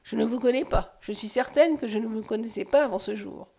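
A woman's voice: fairly high pitch, a little fast, gravelly. A pensive young woman, as a female reader voices her. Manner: soft, pensive. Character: young woman, wary and thoughtful.

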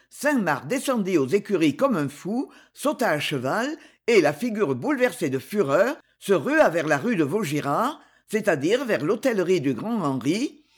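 A man's voice: high voice, breathy edge. A man narrating a historical adventure novel in a dramatic, theatrical way.

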